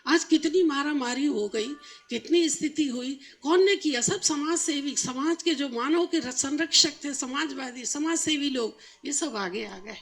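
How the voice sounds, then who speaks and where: A woman's voice: high-pitched, a little slow, fairly bright tone. A woman spiritual teacher giving a talk to a live audience, often putting rhetorical questions to them. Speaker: Brahma Kumaris spiritual teacher.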